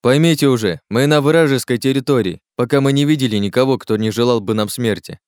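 A man's voice: fairly low pitch, fairly quick, darkish tone, no room sound, studio quality, lightly acted. A man voicing a firm leader lecturing his group in an audiobook. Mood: stern. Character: commanding male leader keeping order. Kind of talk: audiobook character voice.

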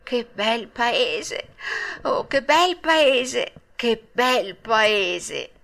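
A woman voicing Pinocchio, a naive wooden puppet boy, with dreamy drawn-out exclamations in an audiobook. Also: fairly high pitch, pushed and bright, pitched above the performer's own voice. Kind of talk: audiobook character voice.

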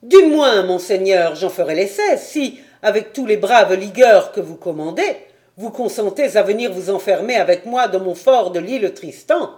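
A woman's voice: mid-range voice, animated, moderate pace, a little mellow, natural voice. A woman voicing a proud, defiant male rebel captain in a storybook reading, bold and haughty.

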